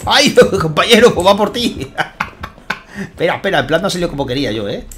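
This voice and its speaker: A man with a Spain Spanish accent giving chatty, excitable live gameplay commentary, swearing and thanking his viewers. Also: a little high, brisk, slight background noise. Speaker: gaming streamer.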